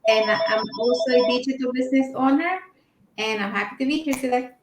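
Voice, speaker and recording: A woman's voice: high-pitched, brisk, slight background noise. A woman from Mexico, cheerfully introducing herself on a video call. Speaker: teacher assistant. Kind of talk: self introduction. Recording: roomy echo, far from mic.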